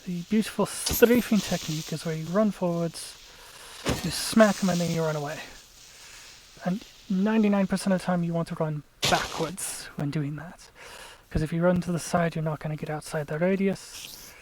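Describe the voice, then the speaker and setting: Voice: medium pitch, fairly even intonation, moderate pace, noisy background. A let's play gamer giving casual, chatty gameplay commentary, explaining tactics to viewers and sometimes dropping to a whisper.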